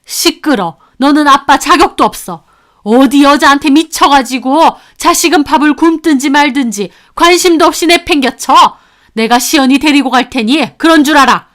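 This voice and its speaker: A woman voicing an angry grandmother who shouts and scolds her grown son in a dramatized story. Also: high voice, unhurried, few pauses, voice pushed up. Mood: furious scolding.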